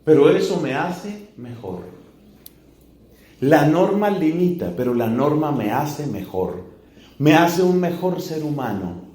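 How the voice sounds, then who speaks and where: A man preaching as a friar in a teaching sermon, building slow emphatic lists and asking rhetorical questions. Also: on the high side, big pitch swings, warm tone. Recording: echoey room.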